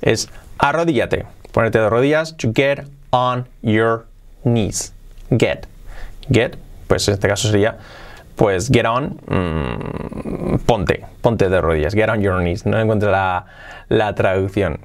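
A man from Spain hosting a podcast English lesson, switching between brisk explanations and slow, drawn-out example phrases. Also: fairly low pitch. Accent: Spain Spanish. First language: Spanish. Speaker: English teacher.

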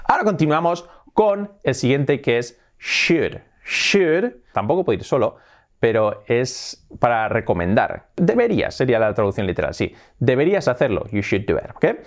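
A man from Spain teaching an English lesson on video. His pitch rises and falls a lot as he explains, and he slows right down to repeat each example word with care. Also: big pitch swings. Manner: slow, drawn-out repetition of example words.

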